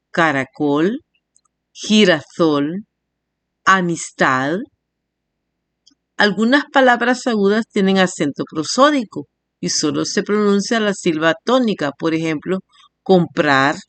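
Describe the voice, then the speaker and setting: A woman teacher giving a recorded language lesson, reading definitions and slowly sounding out example words syllable by syllable. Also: mid-range voice, animated, dry recording. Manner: slow, spells words out syllable by syllable. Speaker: primary school teacher.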